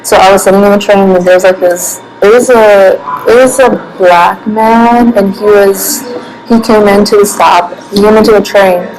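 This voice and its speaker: A woman's voice: medium pitch, steady tone, moderate pace, a little mellow, rough recording. A young woman answering interview questions casually, rambling with many fillers and restarts. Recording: background music.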